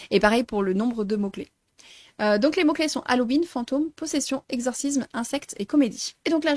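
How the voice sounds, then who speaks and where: A woman's voice: on the high side, darkish tone, no room sound, studio quality. A young woman chatting casually about her reading plans in a vlog, talking in loose, self-correcting sentences full of fillers. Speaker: book vlogger.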